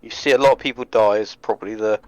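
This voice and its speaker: A man playing a long-lived adventurer, crisp voice. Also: fairly low pitch, steady tone, quick pace, a little mellow, no echo, lightly acted, rough recording. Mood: reflective. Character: long-lived male adventurer questioning a stranger. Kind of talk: tabletop role-play in character.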